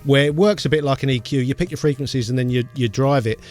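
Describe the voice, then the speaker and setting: A man, co-hosting a casual chat about music production and gear, chatty and quick to laugh. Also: medium pitch, fairly even intonation, darkish tone. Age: 50s. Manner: chatty, laughs often, loses names mid-sentence. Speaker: co-host of a music production show.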